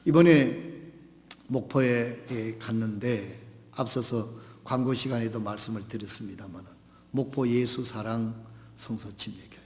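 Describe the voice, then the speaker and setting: A male pastor, preaching a sermon in a church, with emphatic swings between loud exhortation and soft asides. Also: medium pitch, measured pace. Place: church sanctuary. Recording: echoey church hall.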